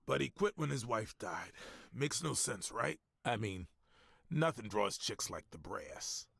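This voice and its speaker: Older gym worker: gravelly, folksy, leering gossip with lively swoops, noir video game. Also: male voice, medium pitch, a little slow, no echo, studio quality, exaggerated voice. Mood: gossipy, lively. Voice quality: raspy, gravelly.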